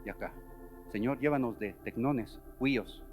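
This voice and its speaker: A man preaching a sermon at a church service, acting out the voices he quotes and swinging between loud and soft. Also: mid-range voice, normal speed, faint music behind.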